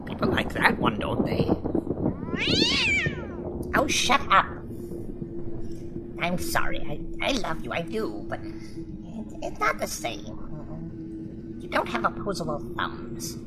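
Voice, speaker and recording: A performer playing a lonely, pathetic horror host out of character, halting and self-pitying in a comic monologue. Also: medium pitch, huge pitch swings, over loud music, low-quality recording. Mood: miserable muttering.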